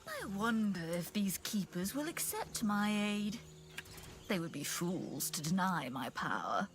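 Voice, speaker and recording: A woman voicing a proud necromancer in a video game, with a dark, sneering, gloating manner. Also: mid-range voice, sing-song, unhurried. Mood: haughty, gloating. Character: proud, haughty female necromancer game hero.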